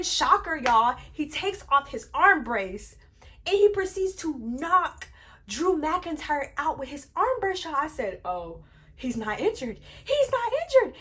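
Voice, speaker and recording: Excited young woman recapping wrestling, high voice. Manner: animated, addresses viewers as y'all, many fillers. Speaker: wrestling review vlogger.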